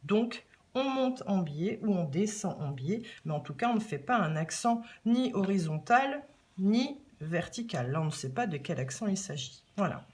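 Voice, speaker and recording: A woman's voice: medium pitch, expressive, moderate pace. A woman with a French accent teaching young children handwriting, patiently repeating and stretching key words. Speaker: primary school teacher. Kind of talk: remote handwriting lesson for children.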